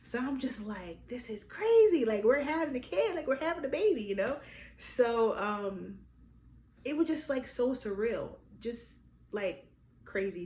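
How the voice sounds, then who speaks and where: Animated woman telling a story, echoey room. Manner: animated, acts out quotes with big pitch jumps. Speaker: vlogger. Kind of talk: casual storytelling vlog. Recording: echoey room with faint noise.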